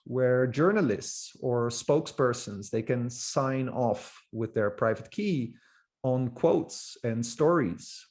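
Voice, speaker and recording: A man's voice: medium pitch, darkish tone. A man from the Netherlands, giving an informal, enthusiastic presentation as a guest speaker, with occasional restarts. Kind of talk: presentation talk.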